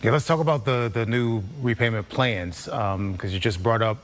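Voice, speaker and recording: A man's voice: fairly low pitch, normal speed. Breezy TV host man. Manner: breezy, joking questioner. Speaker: TV news host. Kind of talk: TV news interview.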